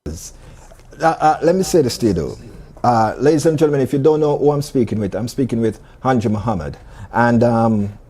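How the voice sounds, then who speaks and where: A man with a mellow, dark voice hosts an interview show. He talks in a relaxed, halting way, often restarting his sentences. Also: medium pitch, breathy edge. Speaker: host. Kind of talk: casual interview talk.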